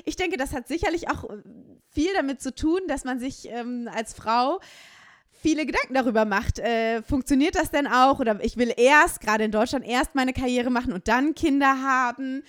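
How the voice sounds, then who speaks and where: Higher-voiced woman hosting a podcast. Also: moderate pace. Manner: friendly, rambling questions with many fillers. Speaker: podcast host. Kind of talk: casual interview talk.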